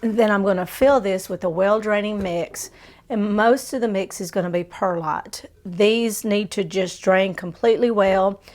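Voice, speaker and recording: A woman's voice: medium pitch, normal speed, a little mellow. A woman hosting a casual gardening how-to in a folksy way, her voice a little under the weather from a sore throat. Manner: folksy, dropped endings like "gonna" and "'em". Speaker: host of a gardening channel. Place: greenhouse.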